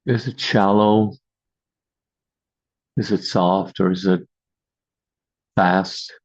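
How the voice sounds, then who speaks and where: Over a video call, a man hosts a guided meditation, offering slow, calm instructions in short, measured phrases separated by long pauses. His voice sits low, and the call audio sounds dull and lo-fi.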